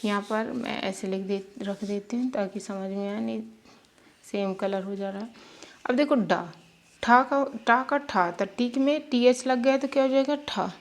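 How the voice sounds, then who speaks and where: A woman's voice: medium pitch, measured pace. A woman teaching beginners how to spell syllables, repeating each sound patiently and checking in often.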